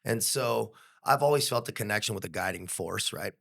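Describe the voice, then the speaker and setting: Gravelly, earnest young man. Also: lowish voice, lively intonation, brisk, fairly bright tone. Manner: earnest, reflective, swears freely. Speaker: podcast guest. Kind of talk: casual conversation.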